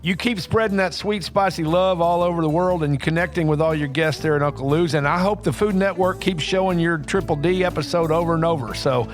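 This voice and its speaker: A man hosting a casual food podcast, his voice sitting fairly high. He winds things down in a friendly, promotional manner, with clear music running underneath. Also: fairly quick, few pauses. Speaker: podcast host.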